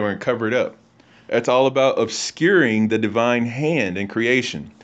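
Man, host, casual teaching, reads and explains texts, middle pitch, muffled lo-fi stream. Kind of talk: casual religious teaching on a livestream. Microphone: internet call/stream. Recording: lo-fi online stream audio.

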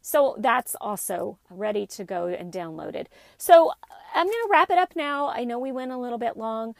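Chatty woman host with a gravelly edge. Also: a little high, animated, normal speed, no echo. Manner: chatty, rambling, with frequent restarts and fillers. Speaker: podcast host; teacher. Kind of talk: casual solo podcast talk.

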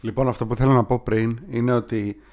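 A man's voice: mid-range voice, steady tone, a little mellow. A man co-hosting a casual podcast, chatty and explaining at length. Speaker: podcast co-host.

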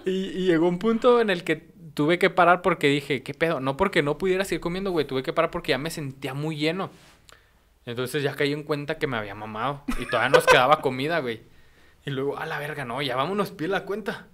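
A young man with a Mexican Spanish accent telling a story in casual podcast chat, animated and slangy, laughing as he goes. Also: fairly high pitch, fast talker.

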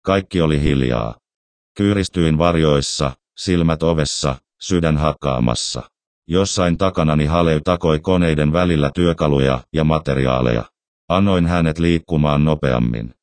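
A man reading a scary story aloud as narrator, in a steady, measured, somber way. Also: a bass voice, no room sound. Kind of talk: scripted horror story narration.

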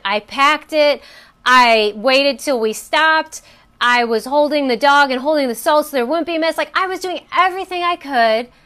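A woman's voice: sits high, a bit bright. A woman hosting a personal coaching talk, telling a story in a chatty way with fillers and restarts. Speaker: host.

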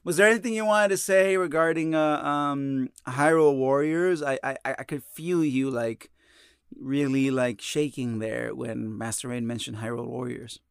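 A man's voice: medium pitch, moderate pace, gravelly, smooth, dry recording, studio quality. A young man co-hosting a casual podcast, talking in a rambling way with many fillers. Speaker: podcast co-host. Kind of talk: casual chat.

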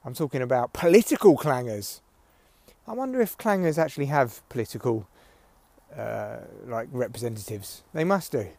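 A man's voice: mid-range voice, expressive, normal speed, creaky, darkish tone, dry recording. A man hosting a rambling, opinionated solo comedy podcast, ranting and swearing, recorded outdoors through headphones used as a microphone. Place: outdoors in windy weather. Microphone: headphones used as mic. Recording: recorded through headphone mic, rustly clicks.

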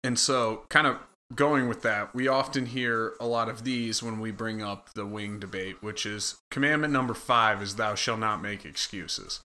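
A man's voice: mid-range voice, moderate pace, hardly any pauses, pushed and bright. A man from Michigan, a football line coach, co-hosting a casual podcast and explaining his coaching rules in an earnest, instructive way.

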